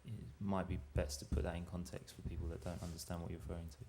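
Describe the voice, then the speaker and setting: A male interviewer asks long, winding questions in a low, gravelly voice. His delivery stays flat and even, and a faint ambient hiss sits behind him. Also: fast.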